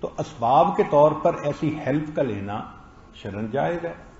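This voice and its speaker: A man preaching a sermon, telling stories and acting out quoted lines in a slow, deliberate delivery. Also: on the high side, expressive, darkish tone. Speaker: Islamic preacher. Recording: roomy, dull lo-fi recording.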